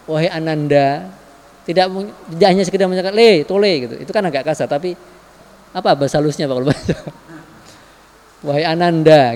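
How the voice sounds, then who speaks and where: Male preacher, slightly high voice, relaxed chatty lecturing with Arabic readings, long hall echo. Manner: reads Arabic text then explains it casually, chatting with the audience. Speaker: Islamic preacher. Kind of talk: religious study lecture.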